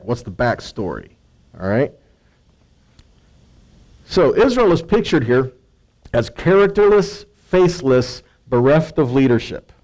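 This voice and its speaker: With a mellow, medium-pitched voice, an American man teaches scripture much like a sermon, reading verses aloud and explaining them. He keeps it conversational, asking rhetorical questions and often checking in with "right" and "okay."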